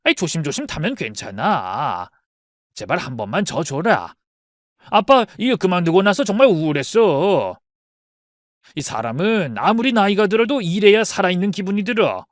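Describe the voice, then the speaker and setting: A man's voice: high-pitched, very animated, moderate pace, no echo, studio quality. A man playing a stubborn, cheery retired dad. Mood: coaxing. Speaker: father in a narrated story. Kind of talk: dramatized story dialogue.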